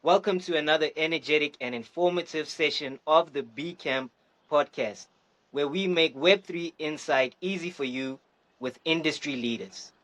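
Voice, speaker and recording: A man's voice: a little high, moderate pace, a bit bright, low-quality recording. A man hosting a podcast, introducing his guest with playful hype and asking questions. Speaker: podcast host. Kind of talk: energetic podcast interview.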